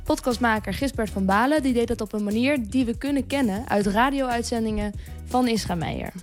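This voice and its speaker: A woman hosting a late-night radio show, soft and intimate as she introduces guests. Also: a little high, brisk, soft background music. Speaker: radio host.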